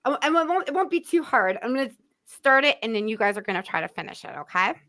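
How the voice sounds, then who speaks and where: Woman, quiz host on a video call, high and bright, lively, laughs and sings lyric lines. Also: fast. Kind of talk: casual trivia game chat.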